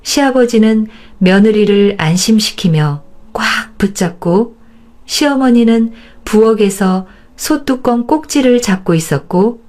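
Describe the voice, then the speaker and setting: A woman narrating folktales for bedtime in a calm, soft and soothing way. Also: medium pitch, a little slow. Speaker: storyteller.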